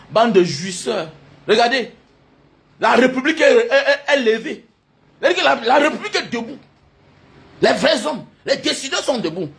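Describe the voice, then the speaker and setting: A man's voice: very high-pitched, vocal fry. A man delivering an impassioned, hectoring monologue, repeating points emphatically and breaking into laughter. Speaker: commentator addressing online critics.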